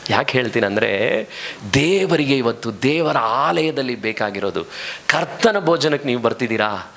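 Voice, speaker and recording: A man's voice: medium pitch, expressive, moderate pace, a bit bright. A man preaching a sermon as pastor to his congregation, impassioned, with many rhetorical questions, speaking. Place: church hall.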